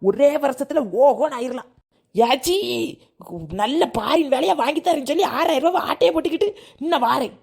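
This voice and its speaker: A woman voicing a greedy, boastful cartoon aunt who schemes out loud. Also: high-pitched, fairly quick, creaky. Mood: scheming. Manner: bragging, scheming monologue. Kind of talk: cartoon voice acting.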